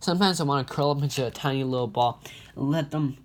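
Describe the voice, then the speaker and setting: A man reading a novel aloud in a plain, unhurried manner. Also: mid-range voice. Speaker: book reader.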